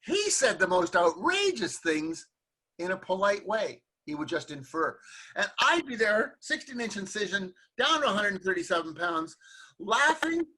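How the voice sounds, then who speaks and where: A man hosts a conversational interview, speaking in a high, bright voice with a husky edge. He talks earnestly and mixes in humor. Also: sing-song, normal speed, low-quality recording. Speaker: interview host.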